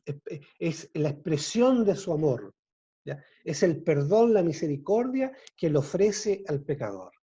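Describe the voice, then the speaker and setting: Slow, mellow man explaining scripture. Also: sits high, breathy edge, muffled recording. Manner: slow, explanatory, often asks "¿ya?". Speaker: Bible teacher. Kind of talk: informal Bible study talk.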